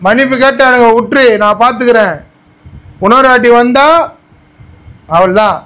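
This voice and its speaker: A man in a comedy skit, teasing and scolding with quick repeated commands. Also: very high voice, sharp tone, clear, resonant tone. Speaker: comedy video creator.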